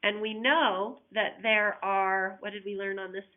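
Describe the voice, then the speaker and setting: A woman's voice: medium pitch, steady tone, unhurried. A woman math teacher patiently walking students through unit conversions step by step, with a recurring cough. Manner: patient, talks through each step, asks students to check along. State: coughing repeatedly. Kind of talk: recorded flipped-classroom math lesson. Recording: tinny, phone-like audio.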